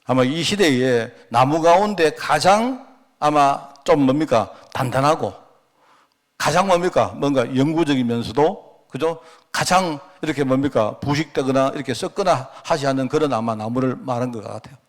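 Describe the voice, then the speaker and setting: A man's voice: medium pitch, normal speed. A middle-aged man preaching a sermon as pastor, telling a story in a rambling way full of rhetorical questions. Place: church.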